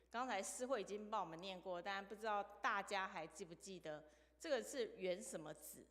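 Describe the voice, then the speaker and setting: A woman preaches a sermon in a church sanctuary, telling stories and putting questions to the congregation. Her medium-pitched voice is bright and forceful, recorded with the long reverb of the church hall.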